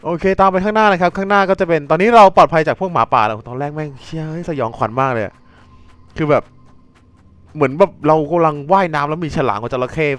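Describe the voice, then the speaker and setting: A man hosting a let's play, talking excitably over the game and yelping and swearing when things get tense. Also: a little high, fast, clear, resonant tone, dry recording. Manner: excitable, yelps and swears in panic. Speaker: gaming channel host.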